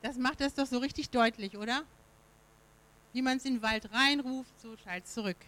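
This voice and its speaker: A woman's voice: a little high, normal speed, fairly bright tone, slight background noise, poor audio. Woman preaching a conversational sermon. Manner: conversational, with fillers and rhetorical questions.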